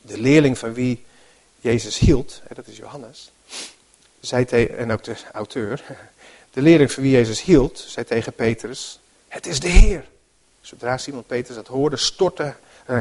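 A man preaching a sermon and reading from the Bible in a conversational way, often pausing with fillers and correcting himself. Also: mid-range voice, a little mellow.

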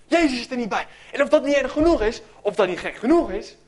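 A man with a strikingly high voice preaching a sermon. He tells the story vividly and acts out its voices, swinging from loud bursts to near whispers. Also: animated, quick pace.

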